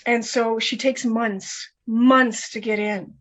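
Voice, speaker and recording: Woman, interview guest, high-ish voice, animated storytelling, repeats words, muffled lo-fi recording. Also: slow pace. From Canada. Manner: animated, repeats herself, acts out quoted voices.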